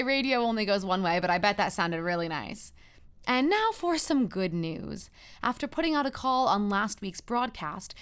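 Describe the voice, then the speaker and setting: Wry, clear-voiced apocalypse radio host, played by a woman. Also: mid-range voice, close to an everyday voice. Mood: warm, wry. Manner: wry, awkwardly upbeat, rambling. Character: cheerful, self-deprecating young woman radio host surviving the apocalypse. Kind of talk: scripted comedic radio monologue, chatty.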